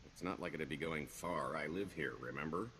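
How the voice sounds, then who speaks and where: Voicing a roguish, middle-aged career criminal in a video game, a man speaks in a bass voice with a fairly bright tone at normal speed. He comes across as wry and boastful, with wheedling, theatrical sarcasm, over a little hiss or hum.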